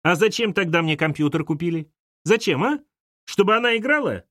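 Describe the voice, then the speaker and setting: A man's voice: sits high, lively intonation, fairly quick, a bit bright, no room sound, clean studio sound, pitched above the performer's own voice. A man voicing a rude, sulky schoolboy who argues back petulantly. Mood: defiant. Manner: petulant, argumentative.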